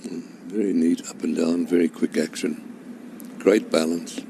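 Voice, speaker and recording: A man's voice: deep voice, steady tone, measured pace, gravelly, mellow, slight background noise, poor audio. A man commentating on live golf in an understated, conversational way.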